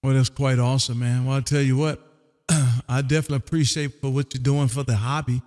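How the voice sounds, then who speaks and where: A man with a medium-pitched voice and flat delivery, heard over background noise, hosts an amateur radio live stream from his Texas home radio room. Folksy and showman-like, he makes contact calls and chats casually, drawing out call signs and scattering "man" throughout. A long reverb gives the recording a hall-like sound.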